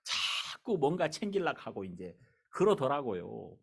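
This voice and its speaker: Pastor guy telling a story from the pulpit, chatty and animated, voice jumps all over. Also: mid-range voice, unhurried, gravelly, breathy edge. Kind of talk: sermon storytelling.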